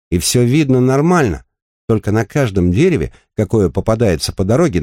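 A man voicing a brash, crude male bike courier who teases and needles in a coarse way, raised above his own voice and lively. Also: medium pitch, dry recording, studio quality, pitched above the performer's own voice, natural voice.

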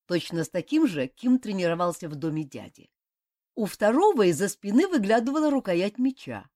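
A woman's voice: medium pitch, fairly quick. A woman reading a fantasy novel aloud as an audiobook narrator, telling it expressively. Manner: expressive storytelling. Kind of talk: scripted narration.

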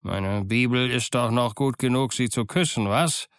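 A man's voice: medium pitch, normal speed, fairly bright tone, clear, resonant tone, no room sound, studio quality, natural voice. A man voicing a grumbling male pirate crewman who sounds sulky and defensive.

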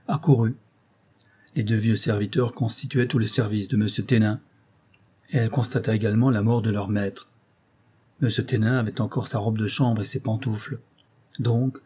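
A man reading a novel aloud with steady narration. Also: on the low side, slightly rough. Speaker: audiobook reader.

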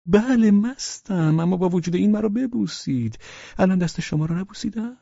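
A man's voice: lively intonation, gravelly, dark tone, dry recording, highs cut off, full character voice. A man doing a drunk, frantic, fawning husband. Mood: drunk coaxing. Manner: pleading, insistent, high and strained. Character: drunk, fawning, excitable middle-aged husband.

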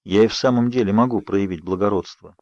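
A man voicing Edward, a sorrowful ageless vampire who speaks softly and with resignation, in an audiobook. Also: lowish voice, fast, no room sound, lightly acted. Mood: gentle. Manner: soft, murmured, resigned. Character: sorrowful ageless vampire youth, gentle and restrained. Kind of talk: audiobook character reading. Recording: dry, slightly dull studio read.

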